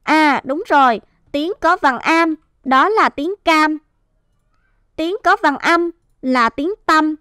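A woman teaching first-grade reading, sounding out and stretching each syllable clearly for young children. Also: high voice, takes it slowly, bright, forceful tone, no echo, studio quality. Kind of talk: slow, clear phonics teaching.

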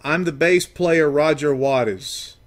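A man's voice: a little high, unhurried, close to an everyday voice. A man playing an estranged, down-on-his-luck father on a prank phone call, hesitant and rambling, with many ums and uhs. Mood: earnest, insistent. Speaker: prank caller.

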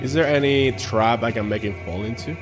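This man in his thirties has a mid-range, fairly quick voice as he streams a horror game live from an indoor home room. Talking into a headset mic over game music, he jokes and laughs at himself while playing.

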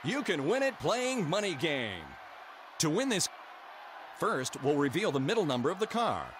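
A man plays an emphatic, upbeat game show host, steering a contestant through scripted instructions punctuated by exclamations. His voice runs on the high side with big pitch swings at a normal speed, and game noise is clearly audible in the background.

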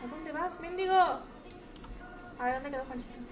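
A young woman with a Mexican accent giving chatty, casual commentary over her gameplay, now and then breaking into shrill, shrieking outbursts. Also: normal speed, soft background music. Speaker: gaming streamer.

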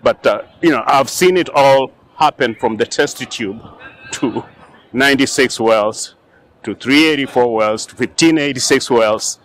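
Older Kenyan-born scientist, unhurried storyteller, filmed outdoors. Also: male voice, medium pitch, fairly bright tone, slight background noise. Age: 60s. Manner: measured, reflective storytelling with frequent fillers. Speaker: interview guest, scientist. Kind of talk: relaxed conversational interview. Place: outdoors on a lawn in front of a building.

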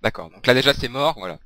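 A young man commentating his own gameplay, swearing, shouting at the game, laughing and half-singing to himself. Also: mid-range voice, dry recording. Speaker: gaming video creator.

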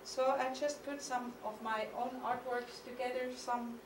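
Fairly even in intonation and a little high in pitch, the voice of a middle-aged German-accented artist reads a prepared conference lecture that is partly poetic. She delivers it from a podium in a measured, reflective way, hesitating at points. The mid-sized studio hall's stage has a podium mic on a stand, but the recording is echoey and noisy, taken from the camera's distance.

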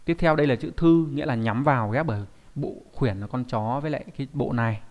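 A man teaching an online kanji lesson. He talks in a chatty way, keeps asking rhetorical questions, and says Japanese words slowly and carefully. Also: mid-range voice, a little mellow, highs cut off.

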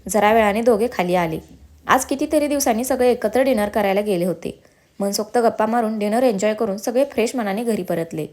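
A woman narrating a serialized family drama story with expressive storytelling. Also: mid-range voice, brisk.

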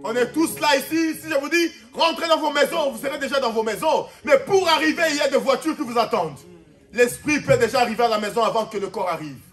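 Congolese pastor, high voice, animated sermon with shouts, echoey hall. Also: male voice, fast talker, distant mic. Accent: Congolese French. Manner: animated, shouting out, laughing asides. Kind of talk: preaching sermon. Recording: echoey hall, off-mic, music behind.

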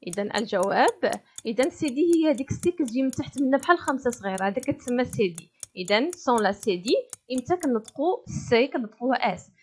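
A woman with a Moroccan Arabic accent teaching a primary school French lesson, saying the French slowly and carefully and explaining quickly in Darija. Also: on the high side, animated, a little hiss or hum.

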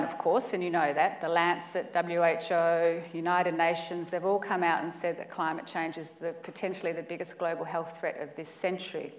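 Recorded from afar in an echoey hall, a woman with a lowish voice and an Australian accent presents at a conference lectern. In her forties, she speaks earnestly and emphatically, piling up lists for effect, in an indoor conference room or lecture hall with a set-back mic.

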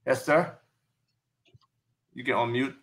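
A man hosts a video call panel with a bright, forceful voice. He is upbeat and keeps coaxing guests along. It sounds like a video call. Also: medium pitch, fairly even intonation, takes it slowly. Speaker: panel moderator.

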